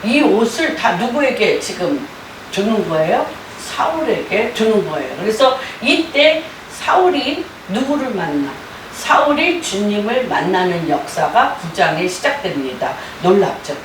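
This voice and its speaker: A woman pastor preaching a sermon in a church, with animated delivery that rises to loud exclaimed quotes. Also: medium pitch, a little slow, background noise. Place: church sanctuary. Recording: roomy sound from a distant mic.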